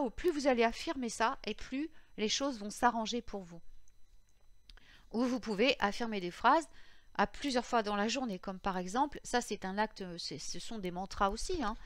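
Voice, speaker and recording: A woman with a somewhat high voice gives casual, hesitant advice on witchy sleep habits, often pausing on fillers and restarting phrases. At times she slows to recite mantras syllable by syllable. The sound is dry and close, with no room echo. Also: fairly bright tone. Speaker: witchcraft vlogger.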